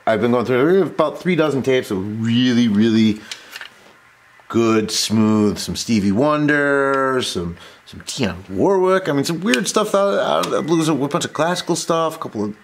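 Working at an indoor workbench, this repair tutorial host talks a little slowly in a medium-pitched voice. He rambles through his casual demonstration and keeps cutting himself off. There's a noticeable, constant hum of background noise.

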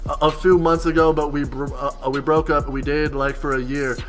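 A man in his twenties hosting a livestream in casual, slangy, excitable frat-bro talk, peppered with bro, yo and dude. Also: fairly high pitch, fairly quick, faint music behind. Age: 20s. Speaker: livestream host. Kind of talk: casual livestream chat with a guest. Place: indoor room, streaming setup.

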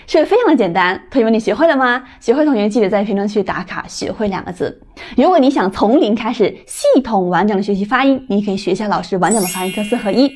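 A young woman teaching an online English pronunciation lesson, coaxing her students and drawing out each model word slowly. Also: mid-range voice. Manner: lively, coaxing, drawn-out model words.

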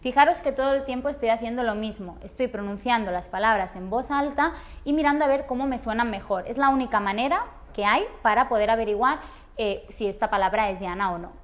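A woman teacher with a Peninsular Spanish accent gives a classroom grammar lesson in a fairly high voice. She draws out each example word slowly and clearly. The sound is dull and lo-fi. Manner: slow, clear, drawn-out pronunciation of example words.

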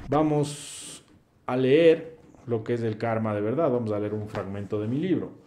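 A man's voice: mid-range voice, moderate pace, warm tone. A young man hosts a live stream. He reads viewers' questions aloud and answers them in a blunt, preachy, slangy way. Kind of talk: live Q&A, reading chat comments aloud.

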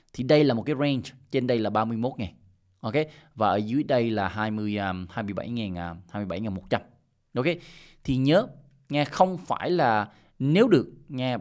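A middle-aged man with a fairly low voice talks his viewers through market charts in a relaxed, unscripted way. He keeps dropping in "ok" and small hesitation sounds and often circles back on himself. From Vietnam. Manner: loose and repetitive, peppered with "ok" and "à" fillers. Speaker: crypto channel host. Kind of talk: casual screen-share market commentary.

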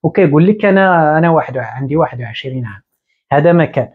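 A man in his thirties with a Moroccan Arabic accent, teaching English at a whiteboard and repeating each word slowly. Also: a little high, expressive, husky, narrow, tinny audio. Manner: explains slowly, repeating words and drawing them out. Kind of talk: whiteboard lesson. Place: small room indoors at a whiteboard.

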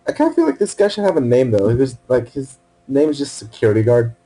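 Male let's-play gamer, husky voice with a lively, swooping pitch, casual self-talk, cusses freely and yelps at surprises. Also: fast, poor audio. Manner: swearing, talking to himself, sudden excited outbursts. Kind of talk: casual game commentary. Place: alone in a room at a computer. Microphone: wearing headphones.

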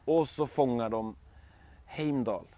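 A man telling a bedtime story to a child in an animated way, with sound effects and lively voices. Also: mid-range voice, dry recording.

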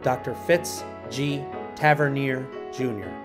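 A man formally reading out graduates' names one by one at a ceremony, in a measured, announcing manner. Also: mid-range voice. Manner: measured, announces each name. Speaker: ceremony name reader. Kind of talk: formal roll call of graduates. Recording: music playing underneath.

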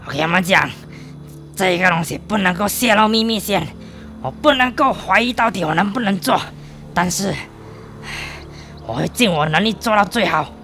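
Guy putting on a low gravelly tech nerd voice, mumbling to himself over some machine, music playing underneath. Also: animated, moderate pace, long pauses, bright, forceful tone, exaggerated voice. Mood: musing. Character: muttering male tech expert tinkering with a machine.

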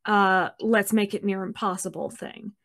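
A woman's voice: medium pitch, fairly even intonation, measured pace, vocal fry, fairly bright tone. A woman hosting a casual chat, reading book passages aloud and joking about them. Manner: reads quotes with small character voices, laughs often. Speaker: host.

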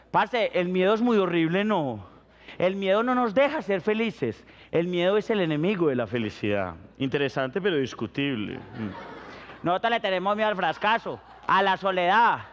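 High-voiced Paisa man doing comedy. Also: big-room sound, lo-fi sound. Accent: Colombian Paisa. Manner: animated, playful, slips into silly voices and laughs. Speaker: comedy show host. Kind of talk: stand-up comedy monologue.

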